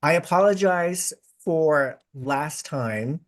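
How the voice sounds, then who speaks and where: A man's voice: fairly high pitch, expressive, slow pace. A man hosting a casual video-call interview, chatty and effusive, with many restarts. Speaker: host.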